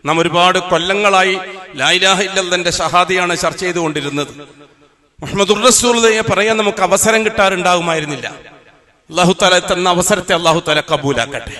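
A man's voice: high-pitched, a little fast, sharp tone. A male Islamic preacher giving a Friday sermon in an impassioned, rhythmic style, moving between recited Arabic verses and explanation.

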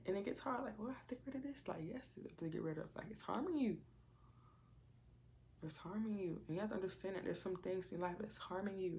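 A woman preaching casually and sharing personal testimony in a conversational, repetitive way, often slipping into hushed asides. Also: lowish voice, creaky, slight background noise.

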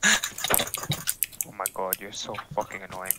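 A man's voice: sits low, slow pace. A young man in game chat banter, irritable and swearing constantly. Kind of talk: casual gaming banter. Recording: very noisy mic with keyboard clicks.

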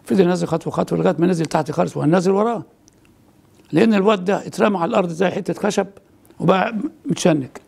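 An older priest with an Egyptian Arabic accent tells a story in a high, heavily gravelly voice. His speech is husky and rushes along very fast, stumbling into restarts and repeated words. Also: darkish tone. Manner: rapid, halting retelling with many restarts and repeated words. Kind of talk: casual storytelling in a conversation.

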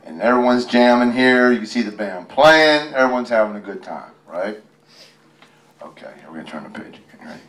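An expressive man with a mid-range, fairly bright voice reads a picture book to a group at a public library, speaking at a normal pace and rambling into chatty, folksy asides. He is a guest storyteller and tribute performer using a handheld microphone. The sound is distant, roomy, and echoey.

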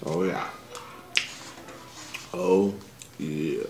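A man hosting an eating video, talking with his mouth full of food as he savors it in a relaxed, casual way. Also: deep voice, very slow, reverberant, slight background noise. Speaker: mukbang host.

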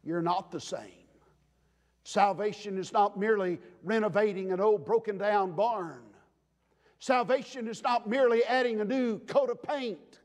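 A man preaching a sermon as pastor, emphatic, building to loud declarations and dropping low again. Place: church sanctuary. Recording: long reverb of a church sanctuary.

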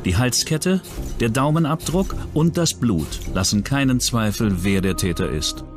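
Over a music bed, a man with a medium-pitched voice delivers scripted true-crime documentary narration in pronunciation. He's animated but speaks a little slowly.

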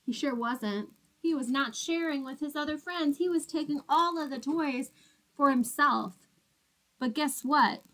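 Her voice high and fairly bright, this twenty-something woman teacher keeps a measured pace while reading a storybook to little children. In a small plain room indoors, she explains things simply and asks the children questions.

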